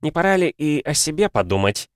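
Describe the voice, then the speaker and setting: Brief: male reader voicing a fussy, mocking alchemist, pitched well up, dry close sound. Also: very animated, brisk, no room sound. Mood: sly. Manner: sanctimonious, theatrical, sly.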